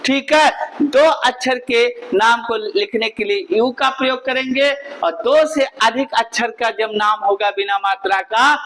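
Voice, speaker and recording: Slow high-voiced male teacher. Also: fairly bright tone, low-quality recording. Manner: drills with repeated questions and answers. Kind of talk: spoken spelling lesson to a class.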